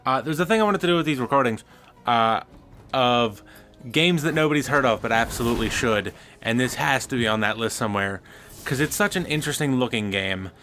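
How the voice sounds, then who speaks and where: A man's voice: medium pitch, expressive, brisk, sharp tone, soft background music. Chatty man riffing over a video game. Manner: chatty, opinionated, swears casually. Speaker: co-host playing a video game. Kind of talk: casual gameplay chat.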